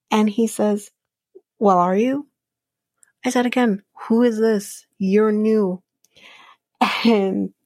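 Young woman podcast host with a slow, gravelly delivery, chatty and opinionated. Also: mid-range voice, darkish tone, no room sound. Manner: opinionated, chatty, frequent "like" and "um", laughs at her own asides. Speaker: podcast host recapping a reality show. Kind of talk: casual chat.

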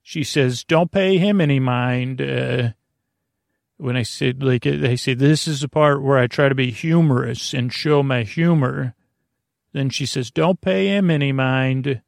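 A podcast host gives a loose, wandering bedtime monologue in a mid-range voice that's noticeably creaky and full of vocal fry. He's meandering and halting, stopping, restarting, and interrupting himself as he drifts into gently absurd, mildly humorous territory. The sound is close and very dry, with no room sound.

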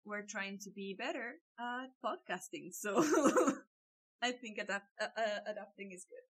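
A woman's voice: mid-range voice, normal speed, fairly bright tone, low-quality recording. Breezy woman podcast host signing off. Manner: breezy and chatty, with fillers and self-corrections. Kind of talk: casual chat, signing off the episode.

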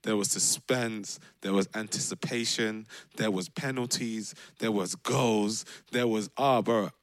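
A man's voice: on the low side, fairly even intonation, unhurried, no echo. A young man with a London accent co-hosting a podcast among friends, laughing often and repeating words for emphasis. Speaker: podcast co-host. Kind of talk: casual chat among friends.

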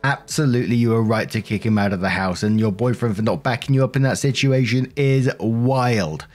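A man reads forum posts aloud at an even, middle pitch. Between posts he gives blunt opinions in his own words. Faint music plays behind him. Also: fairly quick. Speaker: story narrator. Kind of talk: reading Reddit stories with commentary.

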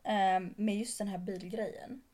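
A woman's voice: medium pitch, fairly even intonation, a crowd in the background. A young woman co-hosting a podcast, telling a story in casual chat with dialogue acted out. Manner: chatty, acts out dialogue while retelling. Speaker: podcast co-host.

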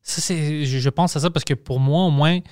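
A man's voice: on the high side, normal speed, a little mellow, smooth, no echo, clean studio sound. A man born in Quebec, a podcast host chatting casually and swearing offhandedly. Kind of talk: casual conversation.

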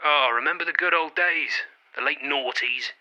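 An actor playing a mopey, pedantic, sarcastic club chief executive in a comedy audio drama. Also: male voice, a little high, normal speed, pushed and bright, lo-fi sound. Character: mopey, pedantic football club boss man.

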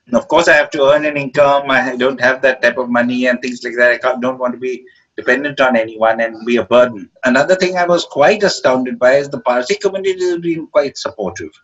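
A man's voice: mid-range voice, steady tone, a bit bright. Man, 70s, posh Indian English accent, hesitant reflective interviewee, dull lo-fi audio. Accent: educated upper-class Indian English. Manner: halting, hesitant, searching for words. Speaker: interviewed author. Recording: dull, muffled lo-fi call audio.

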